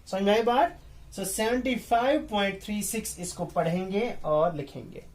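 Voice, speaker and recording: A man teaching a math lesson, mixing in English terms. He speaks slowly, repeats himself and often checks that students understand. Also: sits high, slight background noise.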